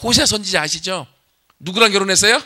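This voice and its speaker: Guy pastor preaching, asks the crowd stuff, sharp punchy voice, kinda high. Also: quick pace. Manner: conversational preaching with rhetorical questions to the congregation. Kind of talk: sermon.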